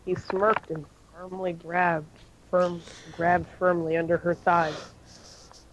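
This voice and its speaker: Flat-voiced man reading fan fiction. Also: sits high, slow pace, background noise. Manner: monotone reading with slips and self-corrections. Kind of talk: amateur story reading.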